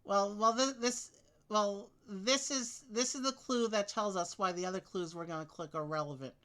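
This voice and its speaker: A woman with a crisp, bright voice and mid-range pitch. She reads game clue texts aloud steadily, then chats casually with a co-player while they work out a solution. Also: normal speed. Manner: steady, clear reading of clue text. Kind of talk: reading game text aloud and casual game chat.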